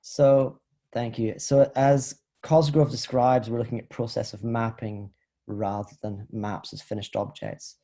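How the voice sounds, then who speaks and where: A man from the Scottish Highlands giving an academic talk over a video call, thoughtful and hesitant, with many fillers and restarts. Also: little pitch movement, measured pace, warm tone. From Highlands of Scotland. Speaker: lecturer. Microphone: video call computer mic.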